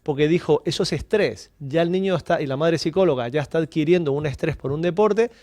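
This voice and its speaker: A Spanish-born man, a guest coach on time management, explains the subject through stories and questions during a radio talk-show panel discussion, building his points with questions. His voice is a little high, mellow, and a little fast, captured in a dry recording.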